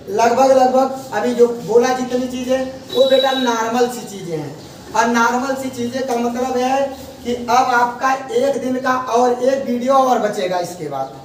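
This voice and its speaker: A man teaching a spelling lesson, slowly drawing out each word and asking his students to repeat it. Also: extremely high pitch. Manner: slow, drawn-out repetition of words, often asks students back. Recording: echoey room from far off, faint noise.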